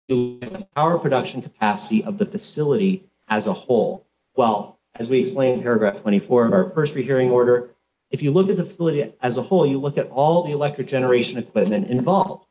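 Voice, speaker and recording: Male attorney, measured formal courtroom argument, muffled lo-fi recording. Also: medium pitch, lively intonation, dark tone. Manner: precise, formal, cites sources slowly. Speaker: agency lawyer arguing in court. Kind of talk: appellate oral argument.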